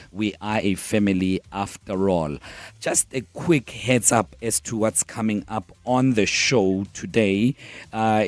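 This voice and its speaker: A South African man with a croaky, hoarse frog voice, chatting casually and haltingly as a radio talk show host. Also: lowish voice, a little mellow, no echo. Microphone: close studio broadcast microphone.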